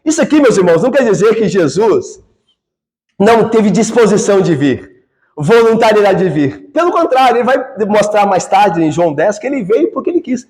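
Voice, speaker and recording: A man's voice: high voice, big pitch swings, fairly quick, darkish tone. A Brazilian man, a pastor, preaching an expository sermon in a church and often asking the congregation rhetorical questions.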